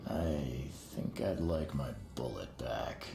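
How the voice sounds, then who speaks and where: A hard-boiled, skeptical investigator with an extremely deep, gravelly voice. He sounds gruff, in an echoey game scene with music behind him. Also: slow pace, dark tone, full character voice. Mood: skeptical, dry. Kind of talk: video game voice acting.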